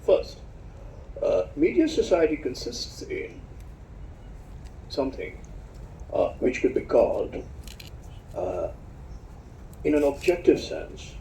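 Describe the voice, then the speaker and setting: A middle-aged man gives a reflective talk on his book, high-pitched and lively, with wide swings that climb sharply to stress a point. His tone is mellow and dark, and he pauses often to find the right words. The room is echoey, heard from a mic set some distance away. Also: slight background noise. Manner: reflective, searching for words, dry self-deprecating humor; animated, rises sharply in pitch for emphasis. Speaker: invited speaker discussing his book. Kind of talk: spoken lecture at a book discussion. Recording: roomy hall sound from a distant mic.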